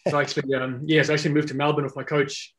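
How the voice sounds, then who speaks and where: Rapid-fire and a little high-voiced, this South African podcast guest, a native Afrikaans speaker, keeps things relaxed and casual. His chat rambles along, full of fillers and restarts.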